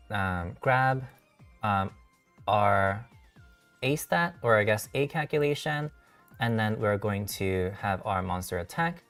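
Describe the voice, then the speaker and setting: Low-voiced man walking through code. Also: fairly bright tone, far from the mic. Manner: halting, many ums and self-corrections. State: losing his voice a little. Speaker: software engineer hosting a dev stream. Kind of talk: live-coding tutorial walkthrough.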